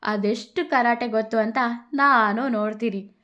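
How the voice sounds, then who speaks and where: A woman's voice: a little high, unhurried, bright, forceful tone. A woman voicing a drunk, arrogant young woman in a narrated story, taunting and condescending.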